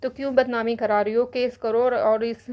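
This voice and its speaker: A woman's voice: on the high side, level tone, moderate pace, muffled recording. A young adult woman giving opinionated vlog commentary, addressing her subject directly in a scolding, lecturing tone. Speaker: commentary vlogger. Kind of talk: opinion commentary on an online controversy.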